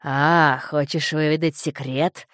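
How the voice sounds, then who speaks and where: Drawling, teasing elderly king in a storybook, voiced by a woman, lowered and slow. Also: fairly even intonation, a bit bright, no echo, clean studio sound. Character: chatty, teasing old king.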